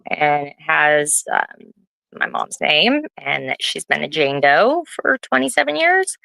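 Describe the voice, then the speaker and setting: A nervous woman in her late twenties, an interview guest who talks in a halting way, with many restarts. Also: low-pitched, wildly swooping pitch, creaky, pushed and bright, no echo, rough recording. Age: 20s. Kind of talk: personal interview.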